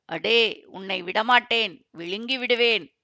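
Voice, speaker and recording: A woman voicing a young man who fakes a deep, throaty demon voice. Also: slow, vocal fry, bright, forceful tone, no room sound, clean studio sound, exaggerated voice. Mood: menacing.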